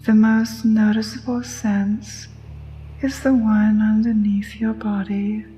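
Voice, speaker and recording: Slow, mellow woman guiding hypnosis. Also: medium pitch, flat delivery, big-room sound, rough recording. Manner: soft, soothing, measured delivery. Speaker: hypnosis narrator. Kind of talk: scripted guided hypnosis narration. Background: music.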